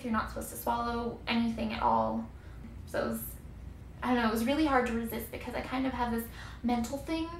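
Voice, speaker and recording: A woman in her twenties shares a casual, rambling personal story as a vlogger. Her voice sits a bit high and often drops into creaky fry. She sidetracks herself and leans on exaggeration, recorded in a roomy, echoey space. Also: a little hiss or hum. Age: 20s. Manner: chatty, rambling, self-interrupting, given to hyperbole.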